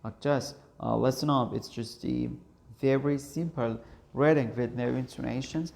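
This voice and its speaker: A man whose first language is Persian, teaching an online English class in a slow, halting way with many fillers. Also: mid-range voice, fairly even intonation, vocal fry, darkish tone.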